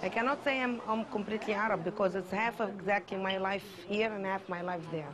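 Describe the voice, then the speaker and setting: A woman answering a street interviewer in a thoughtful, slightly halting way. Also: mid-range voice, noisy background. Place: outdoors on a city street.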